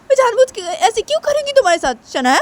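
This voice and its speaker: A woman's voice: very high voice, sing-song, quick pace. A woman voicing a young woman who pleads, close to tears, to be believed. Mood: pleading. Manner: begging, near tears.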